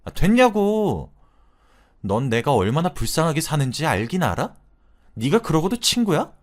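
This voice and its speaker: A man's voice: a little high, sing-song, moderate pace, voice pushed up. A man voicing a jealous, defensive woman friend in her thirties who protests indignantly and pities herself. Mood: defensive, bitter. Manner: indignant, self-pitying outbursts.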